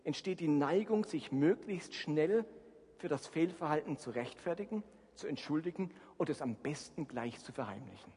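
Husky high-voiced preacher in a reverberant hall. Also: male voice, lively intonation, normal speed, warm tone. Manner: emphatic preaching with rhetorical questions to the congregation. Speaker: pastor. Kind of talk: sermon. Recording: long reverb from a large hall.

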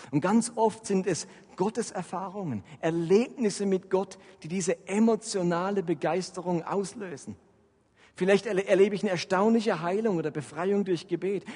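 A man preaching a sermon with a high, ringing voice and lively, emphatic delivery. His words trail off into the long reverb of a big hall. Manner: animated, emphatic preaching with frequent rises in loudness. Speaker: pastor.

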